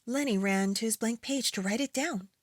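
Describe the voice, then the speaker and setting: A woman reading aloud to young children as a preschool storytime host, in an expressive storytime voice. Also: on the high side, no room sound, studio quality. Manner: storytime voice, slow and expressive with acted animal and object sounds.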